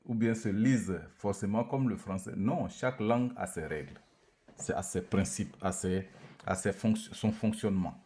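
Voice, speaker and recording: A man giving a lecture on a new alphabet, speaking slowly and deliberately and repeating syllables to demonstrate their sounds and tones. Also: fairly low pitch, dark tone, slight background noise. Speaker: language teacher presenting an alphabet. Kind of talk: lecture with slow syllable-by-syllable reading drills.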